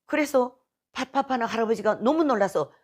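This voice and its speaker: A woman's voice: fairly high pitch, lively intonation, moderate pace. A middle-aged woman from North Korea with a North Korean accent, telling her personal faith testimony in an earnest, emotional storytelling way. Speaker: testimony speaker.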